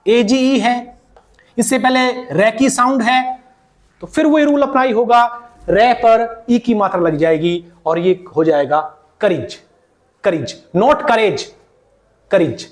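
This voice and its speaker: A man with a very high voice teaches pronunciation in an online lesson. He speaks slowly and repeats each word over and over as a drill, addressing his students fondly. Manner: slow, repeats words many times for drill; addresses viewers as "beta". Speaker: English teacher.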